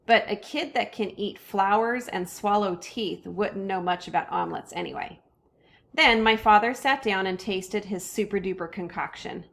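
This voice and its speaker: A woman reading a children's chapter book aloud with expressive character voices. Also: medium pitch, normal speed, creaky. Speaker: reader.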